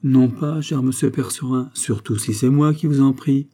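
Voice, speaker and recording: A smooth, cunning bishop, voiced by a man reading aloud. He speaks softly and persuasively. The voice is lifted a little above the reader's dark, husky tone. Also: mid-range voice, normal speed, pitched above the performer's own voice, natural voice. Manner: soft and persuasive.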